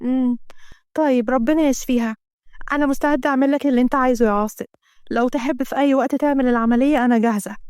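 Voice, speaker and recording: A woman's voice: sits high, steady tone, rapid-fire, darkish tone, clear, resonant tone, no echo, studio quality, natural voice. A woman voicing a naive, lovestruck young woman with an Egyptian Arabic accent, eager and full of wonder. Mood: hurt.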